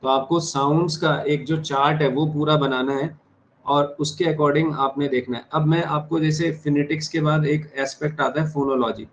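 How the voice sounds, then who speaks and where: A man teaches an exam-prep class, slowing right down to dictate key terms and repeating each one. His voice sits a little high for a man. Faint noise hums in the background. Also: fairly even intonation, dull audio. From India. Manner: dictates key terms slowly, repeats them, checks understanding. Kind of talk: online exam-prep lecture.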